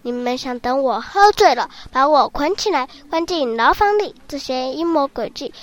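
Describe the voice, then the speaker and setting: A woman's voice: sits high, lively intonation, moderate pace. Woman voicing Whelka, a cowardly blustering wolf. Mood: scared. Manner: blustering, then trembling. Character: cowardly boastful male wolf, would-be bandit. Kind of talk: children's storybook reading.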